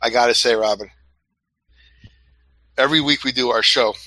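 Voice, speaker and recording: A man's voice: medium pitch, normal speed, sharp tone, no room sound, rough recording. A man hosting a casual chat show about online reselling, laid-back and conversational, from a hot room at home.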